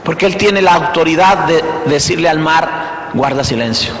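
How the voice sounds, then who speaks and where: A male pastor preaching a sermon, emphatic, with repeated rhetorical questions, swinging between loud and hushed delivery. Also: a little high, steady tone, normal speed, a little hiss or hum. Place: church hall. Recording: echoey hall reverb.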